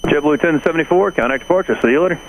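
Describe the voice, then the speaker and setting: An airport tower controller gives rapid, clipped air traffic instructions over an aviation radio transmission. His fairly high-pitched voice comes rapid-fire through noisy radio audio.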